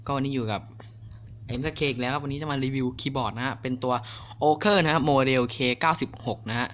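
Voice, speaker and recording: A young man casually reviewing a mechanical keyboard, chatty and excitable, a little crude. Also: mid-range voice, brisk. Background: clicky keyboard typing.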